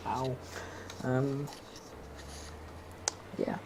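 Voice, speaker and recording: A man's voice: mid-range voice, steady tone, drawn-out words, creaky, background noise. A young man chatting casually while playing a game, rambling, opinionated and laughing often. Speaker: gaming streamer.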